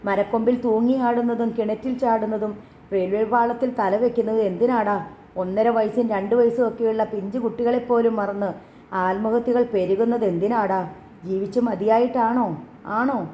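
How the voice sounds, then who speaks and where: A woman's voice: a little high, fairly even intonation, moderate pace, echoey room, slight background noise, lightly acted. Woman reading as a stern older shop owner. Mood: scolding. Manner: curt, commanding. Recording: dull lo-fi audio.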